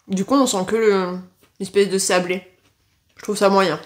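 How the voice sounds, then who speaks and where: A woman giving a casual taste-test review to camera, talking frankly and often pausing on filler sounds and restarts. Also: medium pitch, fairly even intonation. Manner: chatty and frank, leaning on "franchement" and "concrètement"; hesitant, with frequent filler sounds and self-corrections. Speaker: food tasting vlogger.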